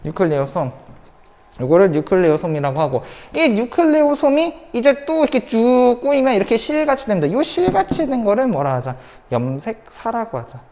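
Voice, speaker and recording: A woman's voice: fairly high pitch, very animated, a little fast, dark tone, big-room sound. A woman teacher giving an online science lecture, repeating key points and asking the class rhetorical questions. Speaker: high school science teacher.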